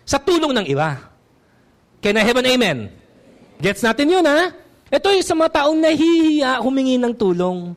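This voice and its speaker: A Filipino-accented male pastor delivers a sermon in a high, bright-pitched voice that swoops up and down with energy. He shifts between Tagalog and English and keeps asking his congregation for an amen. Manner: animated, mixes Tagalog and English, asks the congregation for amens.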